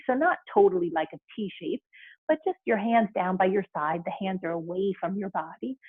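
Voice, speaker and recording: A woman teaching restorative yoga, giving soothing, unhurried step-by-step instructions. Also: medium pitch, husky, no room sound, phone-quality sound.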